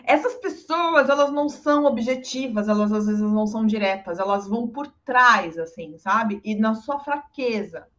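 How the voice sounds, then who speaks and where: A woman's voice: fairly high pitch, normal speed, hardly any pauses. A woman in a casual advice chat, speaking animatedly and often acting out what other people say. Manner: animated, often acts out quoted speech. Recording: dull lo-fi recording.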